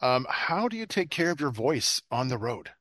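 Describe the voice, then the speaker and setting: A man's voice: medium pitch, big pitch swings, normal speed, sharp tone, dry recording. Friendly male interviewer, dry sound. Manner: friendly, encouraging, with short agreements. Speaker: interviewer, host. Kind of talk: casual interview questions.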